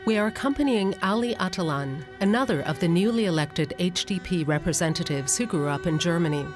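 A documentary narrator reading a calm, even, scripted narration. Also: medium pitch, a little fast. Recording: narration over music and crowd noise.

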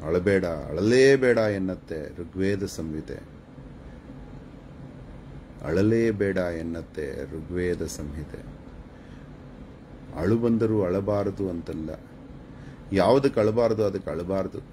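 A man's voice: sits low, slow, pauses often, dark tone, a little hiss or hum. A man hosting a live stream, lecturing his viewers in a preachy, scolding and mocking way. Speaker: channel host giving advice on a live stream.

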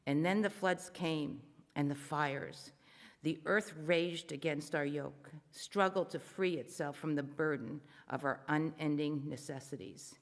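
A worship reader reading a modern psalm aloud in church, steady and solemn. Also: medium pitch, measured pace. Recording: long reverb of a church sanctuary.

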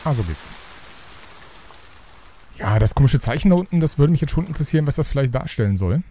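Hosting a let's play, a man with a medium-pitched, mellow, expressive voice offers casual gaming commentary a little quickly. He rambles as he builds, grumbling to himself and muttering asides.

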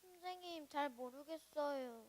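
A woman's voice: sits high, a little slow, a little mellow, big-room sound. A woman voicing a curious, polite little girl who asks her teacher questions in a childlike way.

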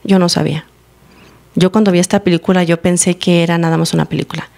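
A woman giving a teaching and testimony to her congregation, telling her story with lively acted-out dialogue. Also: on the low side, fast, creaky. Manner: animated storytelling, acting out dialogue. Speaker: church member giving a teaching. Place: church service, recorded live.

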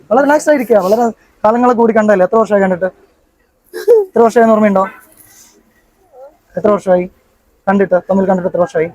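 A man's voice: high-pitched, darkish tone, low-quality recording. A young man working as a hypnotist in a demonstration, coaxing his subject and repeating his commands again and again.

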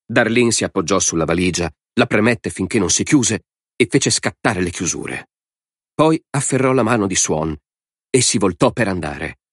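A man reading an audiobook in a steady, measured narration. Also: low-pitched, no room sound, clean studio sound.

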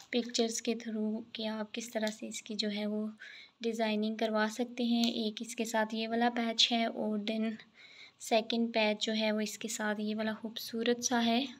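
A woman's voice: fairly high pitch, slight background noise. A woman talking through an unboxing of a dress set, chatty and enthusiastic as she shows each piece. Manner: chatty, enthusiastic sales talk. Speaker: fashion vlogger. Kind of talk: product unboxing voice-over.

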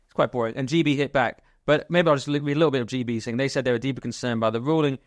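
Fast-talking jokey man. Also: medium pitch, dry recording. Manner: fast, jokey, animated riffing. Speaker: podcast co-host. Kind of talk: casual political chat.

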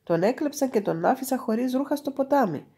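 Woman doing a cunning male cat in boots, scheming, eager, higher voice, husky, storybook. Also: animated, warm tone, heavily acted.

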